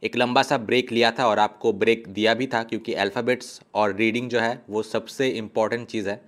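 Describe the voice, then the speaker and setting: A man teaching an online language lesson, explaining step by step and slowly drawing out example words to model their pronunciation. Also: fairly low pitch, steady tone.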